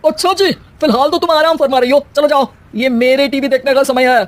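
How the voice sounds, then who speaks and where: Cartoon: woman voicing a bossy mother-in-law, sarcastic and scolding, slightly high voice. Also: fairly even intonation, a little fast, close to an everyday voice. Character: bossy older mother-in-law, sharp-tongued but caring. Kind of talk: cartoon voice acting.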